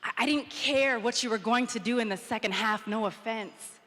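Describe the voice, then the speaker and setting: Woman, 30s, storytelling keynote speaker, crisp bright voice, reverberant hall. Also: on the high side, moderate pace. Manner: storytelling, acts out quotes with rising energy. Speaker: public speaker. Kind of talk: motivational conference speech. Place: conference hall, indoors.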